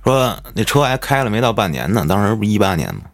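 A man's voice: very animated, fast talker, soft background music. A man, a podcast host telling a ghost story in colloquial, swear-laden style. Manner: colloquial storyteller, swears often, dramatic swings in pitch.

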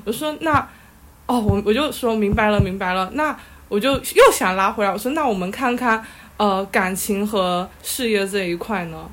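A woman guest on a casual chat show, telling a story in an animated, exasperated way and often breaking into laughter. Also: mid-range voice, moderate pace. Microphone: live audio chat app.

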